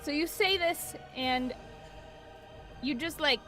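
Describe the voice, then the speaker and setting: A woman running a tabletop game as game master, narrating in a halting, conversational, improvised way. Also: sits high, bright, forceful tone. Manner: halting, conversational storytelling with frequent "like". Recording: music playing behind. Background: background music.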